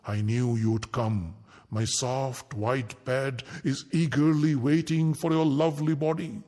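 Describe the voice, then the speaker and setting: A man voicing a lustful, gloating male general in a storybook tale, with leering, drawn-out sweet talk, heard with a long echo from farther off the mic. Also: mid-range voice, steady tone, mellow, lightly acted.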